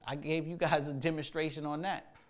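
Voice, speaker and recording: A man's voice: fairly high pitch, flat delivery, a little fast. A man hosting a casual livestream, talking about music practice in a laid-back, slangy way, thinking aloud with lots of fillers. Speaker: musician and show host.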